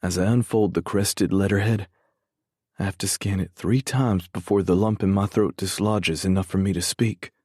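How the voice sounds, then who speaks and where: A man narrating a first-person romance audiobook in a measured, brooding way, swearing freely. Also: low voice, fairly even intonation, darkish tone, no room sound, clean studio sound.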